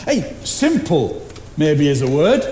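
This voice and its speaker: An older man playing a kindly, halting, bumbling country fellow in a stage play. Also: on the high side, very animated, dark tone. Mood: defensive, amiable. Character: kindly, flustered, loyal old rustic man. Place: indoor theatre stage. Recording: echoey theatre stage, slight noise.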